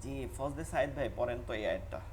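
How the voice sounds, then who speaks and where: A man with a Bangladeshi Bengali accent teaching Quran recitation in an online class. He spells out syllables slowly and repeats them, then explains the rules quickly. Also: medium pitch, a little hiss or hum.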